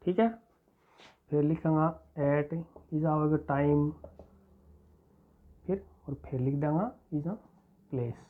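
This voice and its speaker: A male teacher with a Rajasthani accent walks students through an exam answer step by step, dictating slowly and often stopping to ask whether it is clear. The recording is thin and tinny, as if captured over a phone line. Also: on the high side. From Rajasthan, India. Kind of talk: exam-prep lesson.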